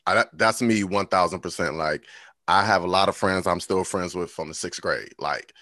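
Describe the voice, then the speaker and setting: A man hosts a podcast in a loose, conversational way, telling animated stories and leaning on "like" as he talks. His voice sits low, and the recording is dry and close, with no room sound. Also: normal speed, no echo. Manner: animated storytelling, repeats "like". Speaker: podcast host. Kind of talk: casual chat.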